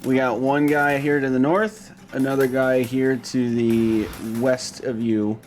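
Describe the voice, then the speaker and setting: A man narrating a tabletop roleplaying game as game master, in a halting way. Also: medium pitch, steady tone, a little hiss or hum.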